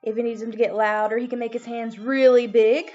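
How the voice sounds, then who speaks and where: A woman giving a video music lesson to young children as their teacher, animated and prompting them with questions. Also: on the high side, brisk, dull audio.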